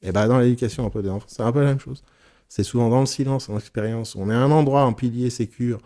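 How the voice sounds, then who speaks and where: A man leading a casual teaching session for therapists, frank and animated, swearing casually and acting out his examples. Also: medium pitch, fast talker. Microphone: recorded live session, on YouTube.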